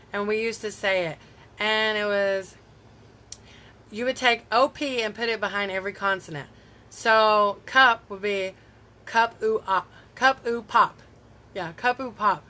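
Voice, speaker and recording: A woman's voice: medium pitch, bright, forceful tone, a little hiss or hum. A woman, chatting casually on a live stream from home into her phone, rambling and reacting to viewer comments. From Tennessee. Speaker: beauty vlogger hosting a live stream.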